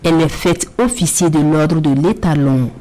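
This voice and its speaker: A female news reporter voices her story in a formal, scripted read. Her voice is lowish and mellow. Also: moderate pace, low-quality recording.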